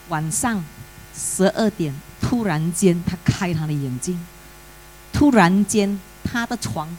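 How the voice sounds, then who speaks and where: A woman's voice: mid-range voice, darkish tone, poor audio. A woman giving an emotional church testimony in Mandarin mixed with English words, with many hesitant fillers. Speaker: pastor's widow giving testimony. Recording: faint mains hum.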